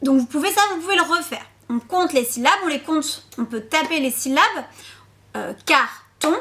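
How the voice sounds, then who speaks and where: A woman, a preschool teacher, patiently explaining a syllable game to parents, repeating words and sounding out syllables slowly. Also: high voice, lively intonation, sharp tone.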